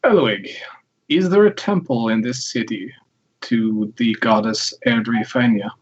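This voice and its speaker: A man playing his character in a tabletop game, with a calm, dry, measured way of speaking and a husky voice. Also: medium pitch, muffled recording. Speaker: player.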